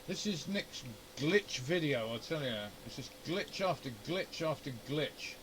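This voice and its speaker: Here a man with a slightly high, somewhat bright voice sounds animated yet a little slow, against faint background noise. In his home amateur radio shack, the hobbyist video host gives an offhand equipment demo without a script. He grumbles, thinks aloud, and mutters through the troubleshooting.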